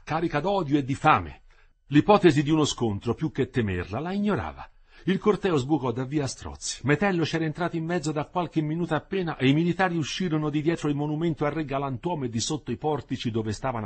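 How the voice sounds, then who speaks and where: A man reading a novel aloud as narrator, in an expressive, dramatic way. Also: on the high side, slightly rough.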